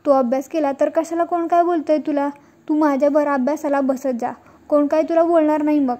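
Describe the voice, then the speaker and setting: An earnest young village man, protective of his sister, pressing his point in a high, level, mellow voice, as a woman reads his lines. He keeps urging and reassuring throughout. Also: steady tone, brisk, close to an everyday voice.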